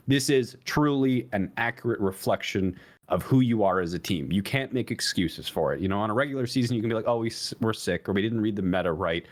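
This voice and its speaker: An esports podcast co-host lays out his view in a casual analytical chat, rambling with many restarts and fillers. When he gets emphatic, his voice jumps higher.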